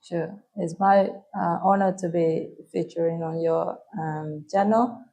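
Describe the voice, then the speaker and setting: Vietnamese lady, 30s, kinda low voice, soft and hesitant, lots of ums. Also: fairly even intonation, measured pace. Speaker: guest. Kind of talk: casual interview answers.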